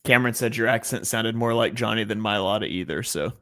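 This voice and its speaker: A man with a bright, forward voice hosts a live game-watching stream. He reads out viewer comments and breaks down each play in relaxed commentary. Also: on the low side, brisk. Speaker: live watch-party host.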